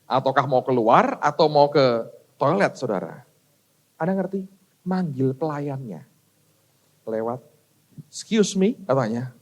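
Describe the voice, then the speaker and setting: Animated middle-aged pastor preaching. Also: male voice, medium pitch, unhurried, pauses often. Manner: addresses the congregation as "saudara", animated storytelling. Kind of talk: sermon with personal stories.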